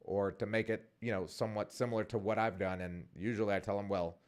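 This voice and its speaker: Hosting his own vlog, this forties-aged vlogger and podcaster rambles casually, full of fillers and false starts. His voice sits fairly low with a darkish tone, fairly flat intonation, and a quick pace.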